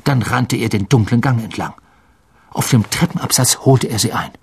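An audiobook reader narrating a story in an unhurried, expressive way. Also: medium pitch, vocal fry, husky.

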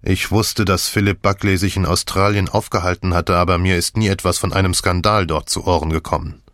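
Brief: man voicing a chilly, reserved man, low voice, audiobook. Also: fairly even intonation, a little fast, a bit bright, dry recording, studio quality. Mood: cold. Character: cold, reserved man, a cousin. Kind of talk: audiobook character voice.

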